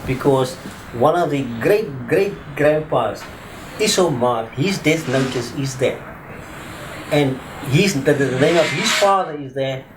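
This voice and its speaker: Speaking over a noisy background, a South African attorney in his fifties has a slightly high, animated voice at a measured pace. It's a casual oral-history interview, and he rambles loosely, using plenty of fillers like "sort of."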